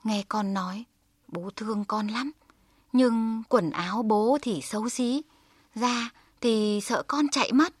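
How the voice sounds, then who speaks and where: Woman voicing a tiger father, gruff yet tender. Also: a little high, slow pace, no echo, studio quality. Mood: gentle. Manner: stern, protective. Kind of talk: storybook voice.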